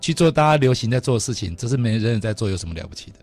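A middle-aged man with a Taiwanese Mandarin accent hosting a radio talk show, telling stories in an animated way. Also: medium pitch, soft background music. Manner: fast, animated storytelling with laughs. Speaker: radio host. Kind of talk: casual radio chat. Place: radio studio.

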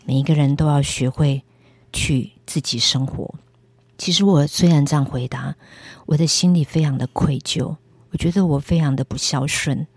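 Husky-voiced woman sharing a faith testimony. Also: sits low, normal speed, a little mellow, no room sound. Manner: earnest storytelling with acted quotes. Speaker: evangelist guest.

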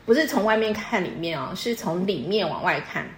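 A woman's voice: medium pitch, lively intonation, brisk, slight background noise. A woman, patiently explaining customs to a guest in casual chat and quizzing her as she goes. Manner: patient, teacherly, quizzes the listener. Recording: echoey room.

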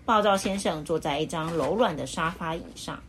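A woman reading a children's picture book aloud as storyteller, with expressive, lively delivery. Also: on the low side, brisk, a little hiss or hum.

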